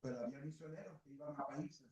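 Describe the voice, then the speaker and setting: A man's voice: medium pitch, quick pace, a little mellow, breathy edge, muffled recording. A man from El Salvador teaching a Sunday school class at church, speaking conversationally and often checking in with his listeners. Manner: mixes in English words.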